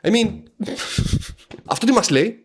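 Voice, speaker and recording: A man's voice: high-pitched, expressive, slightly rough. A man giving a sarcastic, slang-filled commentary monologue as a YouTube host, dropping English words and swearing.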